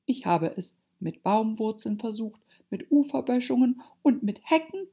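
Lady putting on a shrill shrieky pigeon mom, whiny and scornful, way up high, gravelly edge, muffled recording. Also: animated, moderate pace. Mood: shrill, aggrieved. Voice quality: shrill, screeching. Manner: complaining, scornful. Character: shrieking anxious mother pigeon guarding eggs. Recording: dull lo-fi recording.

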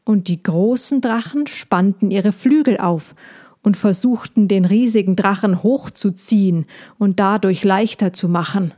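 A woman reading a children's story aloud, calm and unhurried, with brief livelier character lines. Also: medium pitch.

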